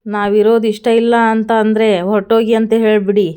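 Sneaky mocking guy from a tv serial, a woman just reading his lines, smooth voice, flat delivery. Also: mid-range voice, fairly quick, close to an everyday voice. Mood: scheming. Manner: read out plainly in a retelling. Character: scheming young man, mocking and loud.

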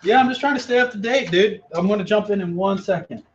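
A man's voice: high-pitched, fast talker. A man hosting a casual garage livestream, upbeat and joking as he reads out where viewers are watching from. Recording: lo-fi with faint noise.

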